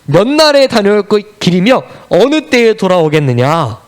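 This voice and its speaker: Casting note: man doing a gracious old-world king, slow and stately, with a high, lively voice. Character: ancient Persian king, kindly and grand.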